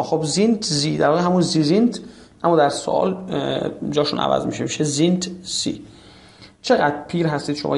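Gravelly male German tutor. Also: on the high side. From Iran. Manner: repeats German phrases slowly, then explains them. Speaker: German language teacher. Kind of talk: explanatory language lesson.

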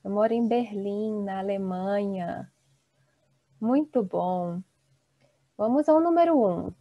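A woman in her thirties teaching an online Portuguese class, slowly and encouragingly reading out students' chat replies. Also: medium pitch, no echo. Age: 30s. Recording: dull, dry video-call audio.

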